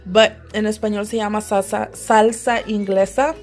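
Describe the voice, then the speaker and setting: Faint music plays behind a young woman's medium-pitched, darkish voice as she vlogs at normal speed from her kitchen. Holding a phone camera, she speaks with level intonation, switching between Spanish and English while cooking and chatting.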